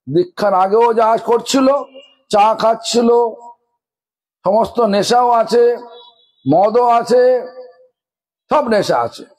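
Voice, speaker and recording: Captured on a rough recording, this high-pitched man with a breathy edge to his voice speaks with a Bengali accent. As a guru giving a religious sermon, he scolds his listeners through a string of rhetorical questions.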